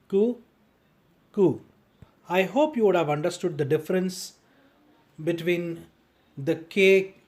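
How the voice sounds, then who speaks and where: A man teaching letter sounds, speaking slowly and repeating each sound for practice. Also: on the high side, a little mellow. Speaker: language teacher. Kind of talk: slow instructional explanation.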